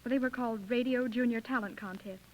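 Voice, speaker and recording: An eighteen-year-old American woman, a contest winner, answers questions as a guest on a scripted 1930s radio interview. She talks fast with a fairly high pitch and steady tone, and the old recording sounds dull and hissy.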